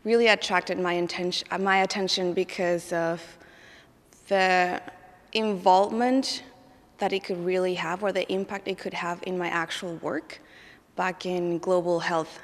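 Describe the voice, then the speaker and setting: A woman's voice: fairly low pitch, steady tone, measured pace, in a large hall. A woman from Mexico, a graduate student, speaking carefully and earnestly about why she took a course. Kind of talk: recorded student testimonial.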